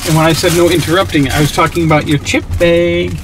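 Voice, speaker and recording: A man hosting his own channel, narrating casually while driving, excited and chatty with lots of fillers, recorded inside a moving car on a mounted camera. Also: on the high side, quick pace. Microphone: camera on a suction mount. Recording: noisy car interior. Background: car road noise.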